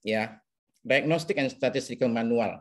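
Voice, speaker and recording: A man's voice: mid-range voice, unhurried. A man teaching counseling in a webinar, speaking over a video call and checking in with listeners often. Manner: teacherly, checks in with repeated oke and ya. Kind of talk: webinar lecture.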